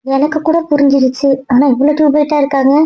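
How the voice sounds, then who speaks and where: A woman's voice: high-pitched, level tone, quick pace, no echo, dull audio, close to an everyday voice. A woman playing a hurt, reproachful young woman. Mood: teasing. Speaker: young wife or girlfriend. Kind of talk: Tamil audio drama acting.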